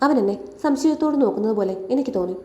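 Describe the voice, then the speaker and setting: A woman voicing a gentle, apologetic middle-aged father who talks in a quiet way in an echoey room. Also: a little high, expressive, racing, close to an everyday voice. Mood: subdued.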